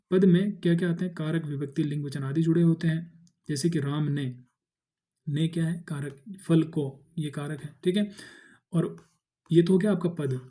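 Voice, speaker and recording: Man tutor dark, mellow voice, fairly high, casual exam-prep lecture. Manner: explains in Hindi with English words mixed in, many fillers and restarts.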